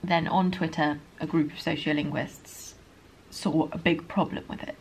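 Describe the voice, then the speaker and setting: A woman with a modern received pronunciation accent and a hint of Estuary, an English pronunciation teacher talking quickly and earnestly in a candid vlog. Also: deep voice, steady tone, a little hiss or hum. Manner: speaks quickly, earnest and apologetic.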